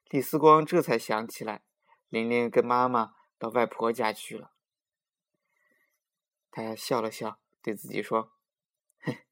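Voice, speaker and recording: A man narrating a children's story in a gentle, expressive storytelling voice. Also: medium pitch.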